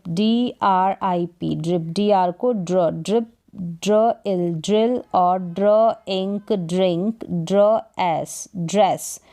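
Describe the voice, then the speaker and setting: A woman's voice: mid-range voice, mellow, clear, resonant tone. A woman teaching English reading, sounding out words syllable by syllable and asking and answering her own questions. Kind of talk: slow phonics lesson.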